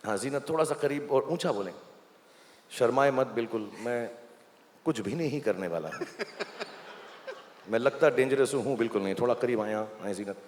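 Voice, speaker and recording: Male event host, mid-pitched, playful teaser of guests, large reverberant hall. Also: normal speed, pauses often, darkish tone. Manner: teasing, joking, coaxing. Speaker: stage host. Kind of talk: playful stage banter with guests. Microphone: handheld microphone. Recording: long hall reverb, faint noise.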